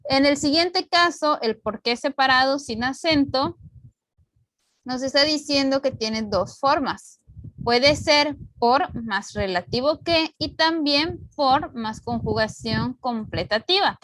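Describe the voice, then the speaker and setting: A woman teacher with a high, light voice records an online grammar lesson into her computer mic. She explains patiently and clearly, walking through example sentences one by one. The sound is close and dry, with no room around it. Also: takes it slowly, a bit bright, no echo, rough recording. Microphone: computer mic on video call recording.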